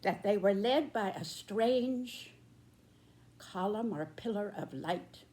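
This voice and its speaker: A very old American woman in her nineties reminisces reflectively, with deliberate, solemn phrasing and dramatic pauses. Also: mid-range voice, lively intonation, dark tone. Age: 90s. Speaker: storyteller recalling own past.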